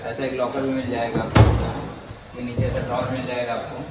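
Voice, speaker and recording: A man's voice: mid-range voice, flat delivery, fairly quick, over loud music. A young man giving a walking tour of a finished apartment, plainly pointing out fittings one by one as an interior contractor. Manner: plain, matter-of-fact pointing out of features. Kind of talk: walkthrough tour, explaining fittings. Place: large empty apartment with bare walls, indoors. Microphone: camera mic, filmed while walking. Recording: echoey empty rooms, camera at a distance.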